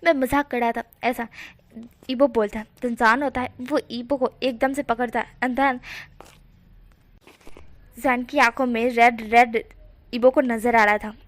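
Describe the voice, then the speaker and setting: A woman reads a fan-written story aloud in a casual, homemade narration. Her voice sits high, and she corrects herself along the way. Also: steady tone, measured pace, pauses often, dry recording. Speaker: fanfiction narrator. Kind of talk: storybook reading.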